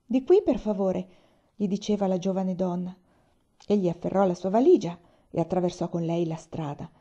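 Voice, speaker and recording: A woman reading a novel aloud in a calm, even storytelling voice, voicing the dialogue lightly. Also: on the low side, moderate pace, lo-fi sound. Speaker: reader.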